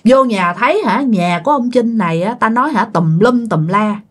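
A woman's voice: a little high, moderate pace. A woman with a southern Vietnamese accent narrating a ghost story, often turning to talk straight to her listeners. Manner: animated, addresses listeners directly.

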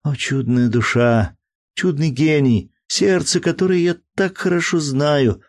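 A man's voice: medium pitch, a little slow, a little mellow. A man reading an audiobook, voicing a tender, playful young woman in love in a raised, breathless voice.

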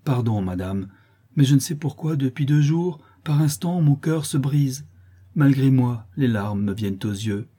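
A man reading an audiobook voices a gentle, tearful young woman, soft and apologetic in her plaintive lines, with a warm, husky voice. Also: medium pitch, animated, a little slow.

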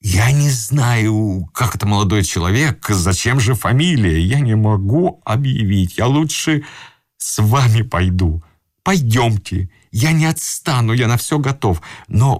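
A man voicing a flustered elderly gentleman in a raccoon coat, fussy and pleading with wounded dignity. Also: lowish voice, animated, measured pace, no echo, clean studio sound, voice pushed up. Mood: fretful pleading. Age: older.

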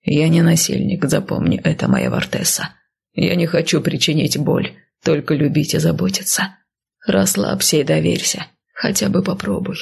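A woman reading an audiobook, voicing a large, brash, teasing nobleman husband in a low, hushed tone. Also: animated, moderate pace, creaky, breathy edge, heavily acted. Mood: soothing.

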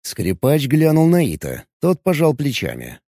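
A male audiobook narrator with a mellow, darker tone and a lively, expressive pitch. He reads in an even, unhurried way, recorded dry and close to the mic. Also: vocal fry, husky, no echo. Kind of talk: scripted narration.

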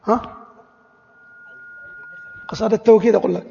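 A man's voice: high voice, fairly even intonation, normal speed, creaky, mellow. A man teaching a jurisprudence lesson, quizzing his students with rhetorical questions and acting out short dialogues. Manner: acts out quoted dialogues. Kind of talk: classroom lesson. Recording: echoey hall, dull lo-fi audio.

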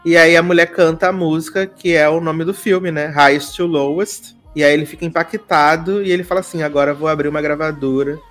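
A man's voice: a little high, fairly quick, few pauses, faint music behind. A man from Brazil on a podcast, retelling a film plot in casual chat and acting out the lines of its characters. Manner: animated storyteller acting out dialogue voices. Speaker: podcast co-host.

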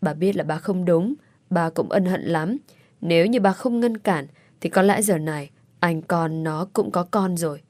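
A woman voicing a stern but soft-hearted older father in a storybook reading, speaking in a gruff, scolding way. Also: lowish voice, moderate pace, dry recording, natural voice. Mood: regretful.

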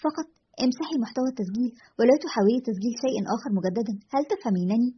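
A weary, cynical male radio host, put on by a woman reading the story speaks in a grim, detached way. The voice is husky and rushes along at a very fast pace, heard through a dull, lo-fi recording. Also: on the high side, lively intonation.

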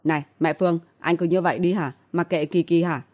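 A woman's voice: lowish voice, steady tone, fairly quick, darkish tone, natural voice. A woman reading as a brash careless young man. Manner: brash and blurting. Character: careless young man, loud and easily surprised.

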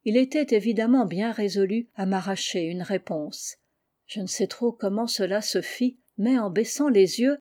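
A woman narrating a classic story as an audiobook reader. Her voice is mellow and warm, with a calm, measured way of telling the tale. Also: mid-range voice.

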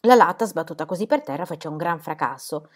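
Expressive woman reading a children's book. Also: deep voice, brisk. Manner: expressive storytelling narration. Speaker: reader. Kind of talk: children's book read aloud.

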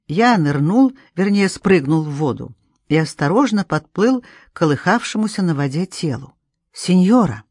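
Woman calmly reading a novel aloud. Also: lowish voice, moderate pace, no room sound, clean studio sound. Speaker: audiobook reader.

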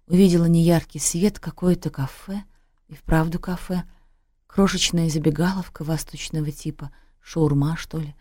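A woman reading a literary story aloud in a measured, expressive way. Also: deep voice, dry recording, clean studio sound. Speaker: audiobook narrator.

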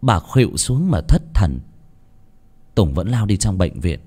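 A man narrating a serialized novel in an expressive, dramatic storytelling manner. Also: on the low side, measured pace, husky. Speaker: audiobook narrator. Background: faint background music.

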